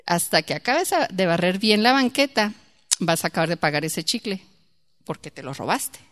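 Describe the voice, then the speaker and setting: A woman's voice: on the low side, lively intonation, normal speed, a bit bright. A woman doing a stern no-nonsense mother. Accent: Mexican Spanish. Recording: echoey hall with long reverb.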